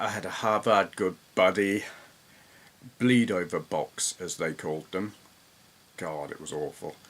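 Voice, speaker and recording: A middle-aged Englishman, a host and gamer, reminisces casually in a rambling, self-deprecating way. He has an English accent and a fairly low, slightly bright voice.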